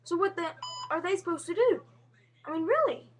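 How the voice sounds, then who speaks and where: A woman's voice: very high voice, lively intonation, a little fast. A young woman vlogging casually to a webcam at home, rambling earnestly with frequent restarts and fillers. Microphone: webcam mic.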